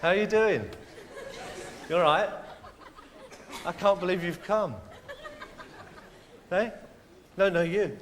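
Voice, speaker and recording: A man's voice: high voice, slow, long pauses, slight background noise. A man hosting a live stage comedy bit, chummy and jokey. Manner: jokey, chummy, laughing through lines. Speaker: comedy host. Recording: large hall with loud crowd.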